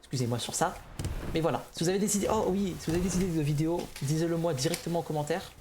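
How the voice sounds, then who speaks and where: A man's voice: fairly high pitch, rapid-fire. A young man giving a casual, unscripted update to gaming viewers, hesitant and slightly nervous, often restarting his sentences. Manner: slightly nervous, neutral delivery. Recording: clear background noise, clicks.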